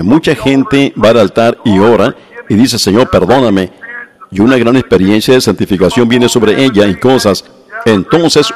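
A man preaching a sermon to a congregation, often breaking off to ask the listeners whether they see his point. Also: mid-range voice. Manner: addresses the congregation directly with repeated questions.

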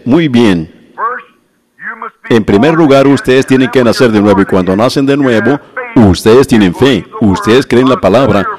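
A man preaching a sermon to a congregation, often breaking off to ask the listeners whether they see his point. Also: medium pitch. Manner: addresses the congregation directly with repeated questions.

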